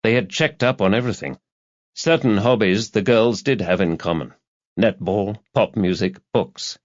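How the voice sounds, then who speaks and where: This is a crime thriller audiobook read by a man in a dramatic, scripted style, his voice lowish and his speed normal. The recording has no echo but sounds a bit dull and lo-fi.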